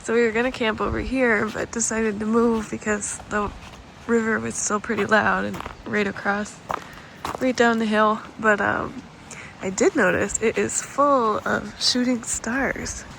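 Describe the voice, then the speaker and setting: A woman's voice: fairly high pitch, fairly even intonation, a little slow, vocal fry, a bit bright. A woman hosting a vlog, talking casually as she narrates, in a noisy on-location recording. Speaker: vlog host.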